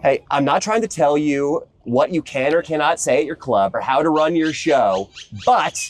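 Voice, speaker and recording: A prim, lisping club owner, fussy and lively in his up-and-down delivery, as a man puts him on. He sounds pointedly polite. The voice stays light and mannered. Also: on the high side, moderate pace, a little hiss or hum, lightly acted. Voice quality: lispy. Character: prissy lisping male club owner writing a complaint.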